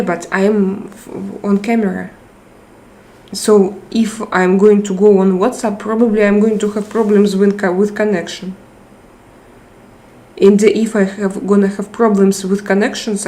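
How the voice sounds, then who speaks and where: On a tablet microphone, a middle-aged woman with a Russian accent chats casually during a live stream, often stopping and starting again as she hunts for words. Her voice sits in the mid range, mellow and level in tone.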